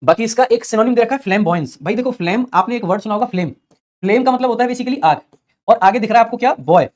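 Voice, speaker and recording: A man's voice: very high-pitched, quick pace, darkish tone. A man teaching English vocabulary for exams in a chatty way, repeating key words in a chanting rhythm. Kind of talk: exam-prep vocabulary lesson with memory tricks.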